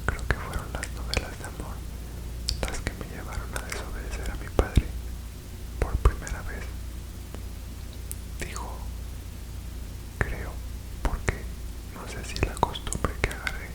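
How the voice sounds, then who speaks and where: A woman reads narrative prose entirely in a whisper. Her delivery is hushed, breathy and unvoiced, kept slow and soothing in the manner of an ASMR bedtime reading. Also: low-quality recording. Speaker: ASMR reader.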